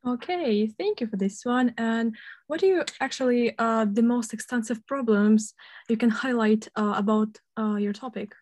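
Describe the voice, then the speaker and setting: A woman interviewing two chairs, halting and searching for words. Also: on the high side, darkish tone, dry recording, clean studio sound. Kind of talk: casual interview hosting.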